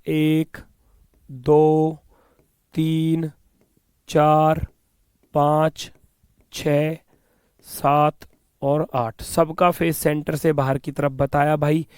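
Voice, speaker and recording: A man teaching reasoning in an online exam-prep class, brisk and coaxing, sometimes scolding students playfully, speaking English with an Indian accent. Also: fairly high pitch, smooth, no echo, clean studio sound.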